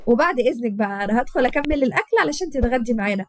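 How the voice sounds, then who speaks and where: A woman with an Egyptian accent narrating a family story in the first person, in a lively, effusive manner. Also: on the high side, racing, a little hiss or hum. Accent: Egyptian Arabic.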